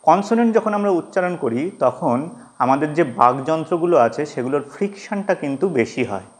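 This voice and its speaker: A man teaching English pronunciation in Bengali, who asks questions and then answers them himself, and says example words slowly to show the sounds. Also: fairly high pitch, lively intonation. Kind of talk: explaining pronunciation.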